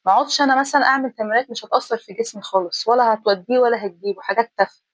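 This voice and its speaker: Rapid-fire Egyptian woman vlogging. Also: a little high, no echo. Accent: Egyptian Arabic. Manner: blunt and emphatic, full of rhetorical questions. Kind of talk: casual opinion monologue.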